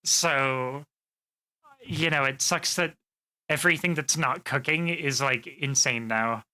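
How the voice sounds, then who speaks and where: Woman streamer just chattin with chat, super bright voice, rambly, lots of cursing and uhs and likes. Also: rumbling low, slow pace. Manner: rambling, swears freely, frequent fillers. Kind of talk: casual live-stream chat.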